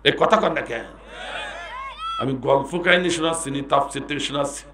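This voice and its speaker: A hoarse man with a Bangladeshi Bengali accent preaching a sermon, dropping to low confiding talk and then breaking into loud shouts as he quizzes the crowd. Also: normal speed, roomy sound. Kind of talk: Islamic sermon at a mahfil.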